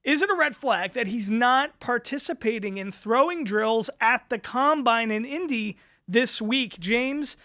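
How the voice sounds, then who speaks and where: A man's voice: very high-pitched, a little slow, hardly any pauses, bright, forceful tone, dry recording. A man hosting a sports talk show from a studio, speaking energetically and with emphasis.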